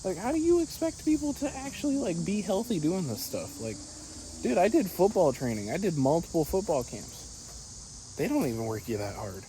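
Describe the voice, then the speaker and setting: With a warm, high-sitting voice full of huge pitch swings at a moderate pace, a vlogger rambles laid-back and slangy to viewers, addressing them as "dude." He's out in a yard, and the poor audio carries clear insect and ambient noise.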